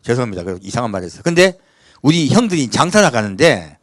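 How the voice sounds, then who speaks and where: A male pastor from the Jeolla region of South Korea, preaching a sermon with rhetorical questions and reading scripture in a measured cadence. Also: medium pitch, big pitch swings, no echo, clean studio sound.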